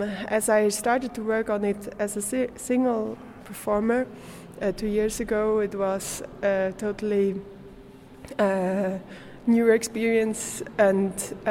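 Slow, hesitant Swiss woman artist. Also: mid-range voice, fairly even intonation, darkish tone, slight background noise. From Switzerland. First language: German. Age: young adult. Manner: searching for English words, hesitant, laughs often. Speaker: guest artist. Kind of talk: interview answers.

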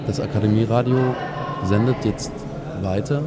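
A man's voice: on the low side, fairly even intonation, normal speed. A man hosting a student radio broadcast live, announcing in a dry, wry way with improvised asides. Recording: loud crowd noise behind. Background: crowd chatter.

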